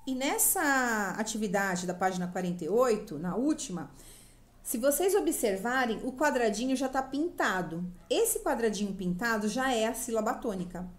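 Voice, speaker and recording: A woman's voice: a little high, expressive, normal speed. A woman teacher from Brazil with a Brazilian Portuguese accent, patiently explaining a lesson to young children and checking in often. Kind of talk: remote class lesson for children.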